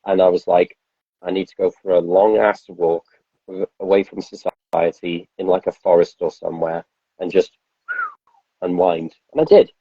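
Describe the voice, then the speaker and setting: Man, deep voice, husky, casual podcast host, rambling, dull dry lo-fi recording. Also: level tone, moderate pace, dry recording. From Wales. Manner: rambling, many fillers and restarts. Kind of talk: casual chat. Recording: dull, lo-fi sound.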